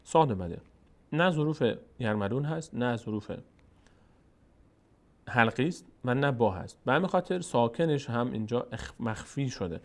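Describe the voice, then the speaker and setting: A man teaching Quran reading step by step, explaining rules and slowly drawing out syllables to model them. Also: medium pitch, animated.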